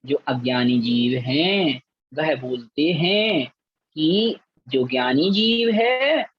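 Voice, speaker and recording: Slow, low-pitched woman teaching scripture. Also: lively intonation, breathy edge, muffled recording. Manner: explains then drills verse word by word, repeating each. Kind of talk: scripture lesson with slow syllable-by-syllable chanting.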